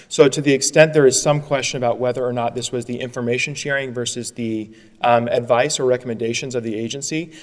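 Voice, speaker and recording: Fast-talking attorney in a reverberant courtroom. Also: male voice, mid-range voice. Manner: brisk, earnest, restarts phrases. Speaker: attorney arguing an appeal. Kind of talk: courtroom oral argument. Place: appeals courtroom.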